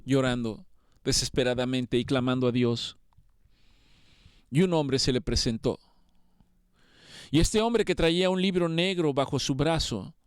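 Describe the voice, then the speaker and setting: A man's voice: mid-range voice, clear, resonant tone, no room sound, clean studio sound. A man preaching a sermon, earnest and building to emphatic appeals.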